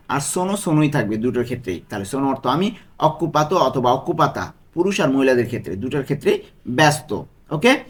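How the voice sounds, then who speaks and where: A Bangladeshi Bengali man teaches a language lesson in a somewhat high voice. His pitch rises and falls a lot. He asks questions and answers them himself, and he goes over each phrase slowly. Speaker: language tutor. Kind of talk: Italian lesson taught in Bengali.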